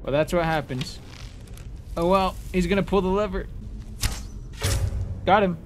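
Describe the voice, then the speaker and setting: Over music, a man with a high voice comments a little slowly as he plays. His let's play chatter is casual and playful, full of exclamations and taunts at enemies, against a noisy backdrop of game audio.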